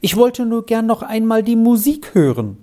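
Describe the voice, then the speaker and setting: A storyteller voicing a shy, hesitant young farm boy, speaking politely and a bit higher than the narration. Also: very animated, moderate pace, warm tone, lightly acted. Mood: timid.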